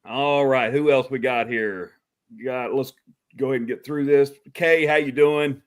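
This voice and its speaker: A Texas man hosts an informal livestream talk show in a mid-range voice with fairly even intonation at normal speed. Friendly, he greets viewers by name, keeps calling them brother, and chuckles frequently.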